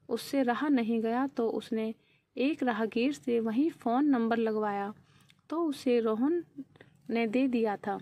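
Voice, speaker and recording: A woman narrating a sad story in a steady, solemn storytelling manner. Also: fairly high pitch.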